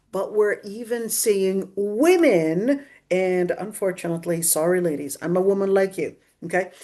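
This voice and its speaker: A woman's voice: medium pitch, darkish tone. A woman lecturing as a religious teacher, didactic and emphatic, repeating key phrases to drive them home. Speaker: religious teacher giving a Quran exegesis class.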